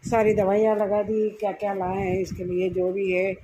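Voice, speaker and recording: A woman's voice: level tone, moderate pace, slight background noise, rough recording. A woman chatting in a casual home vlog, telling a homely story about a child's injury in plain, conversational talk. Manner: chatty, homely storytelling, gets loud and high when fussing over the injured child. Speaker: vlogger.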